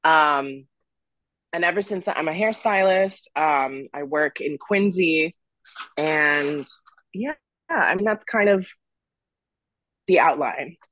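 A man's voice: on the high side, takes it slowly, long pauses, pushed and bright, no room sound. A young man in his twenties, raised in Florida, talks through his story as a podcast guest, candid and rambling, often stopping to restart a thought. His voice is close to the mic in a dry, dead room. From Florida, USA. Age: 20s. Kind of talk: casual interview storytelling.

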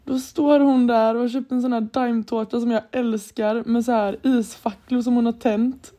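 Young woman from Sweden, podcast co-host, casual storytelling, warm dark tone, acts out quotes. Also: a little high, steady tone. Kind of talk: casual chat.

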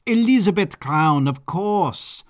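A man's voice: on the high side, very animated, measured pace, pitched above the performer's own voice. A man voicing a flamboyant, eccentric male baron who talks in an effusive, squealing, theatrical way in a storybook reading. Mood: gushing.

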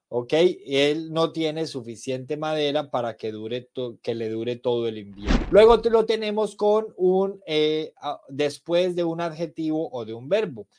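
Slow-paced man teaching English. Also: a little high, a little mellow. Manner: slow explanations switching between Spanish and English examples. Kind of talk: podcast language lesson.

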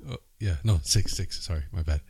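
A man's voice: low-pitched, fairly quick, darkish tone, breathy edge, no room sound. A man co-hosting a podcast, chatting casually. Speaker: podcast co-host. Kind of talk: casual chat.

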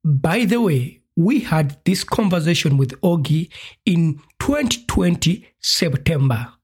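A male interviewer from Uganda chats in a playful, teasing manner, laughing often as he speaks. His voice swings widely in pitch, and the room around him rings with noticeable echo. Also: animated, slow pace. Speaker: podcast host, interviewer. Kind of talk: casual interview chat.

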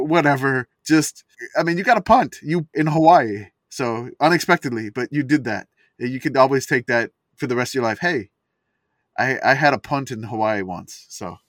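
A man's voice: mid-range voice, normal speed, a bit bright, dry recording. A man hosting a casual sports chat podcast from inside a closet, rambling and chatty with plenty of fillers. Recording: dry, close sound from a closet.

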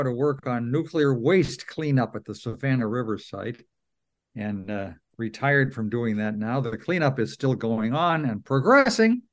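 A man in his eighties giving a brisk, clipped introduction on a video call. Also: medium pitch. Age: 80s. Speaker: panel guest.

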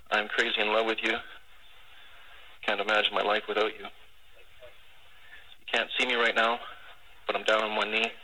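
A man's voice: on the low side, sharp tone, husky, poor audio. A man working as an air traffic controller, speaking over air traffic control radio. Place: airport control tower.

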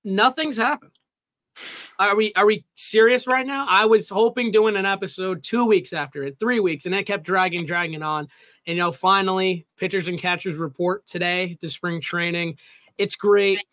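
A man's voice: sits high, moderate pace, a bit bright, dry recording. Man with a dry, close sound. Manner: loose, filler-heavy, jokey. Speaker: podcast co-host. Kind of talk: casual sports chat.

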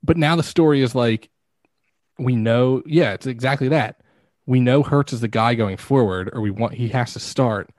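Slightly hoarse man co-hosting a podcast. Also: medium pitch, moderate pace, a little mellow, no room sound, clean studio sound. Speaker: podcast co-host. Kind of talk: casual sports podcast chat.

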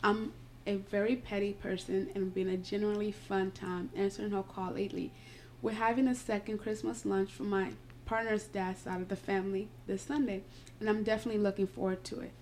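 Woman, podcast host; casual read-aloud, slight retainer slur, mid pitch. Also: flat delivery, brisk, a little mellow. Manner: slightly slurred speech from retainers. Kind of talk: casual podcast chat, reading a post aloud. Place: indoors, home recording. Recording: buzzing noise in background.

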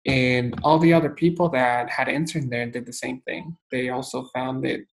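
A young man from Guatemala, answering interview questions in a steady, methodical way with frequent fillers. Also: mid-range voice, moderate pace, gravelly, poor audio. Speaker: interview guest.

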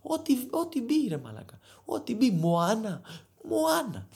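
A woman's voice: on the high side, wildly swooping pitch, creaky, a little mellow. A tipsy woman, rambling and swearing her way through an exasperated monologue. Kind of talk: drunken rant monologue.

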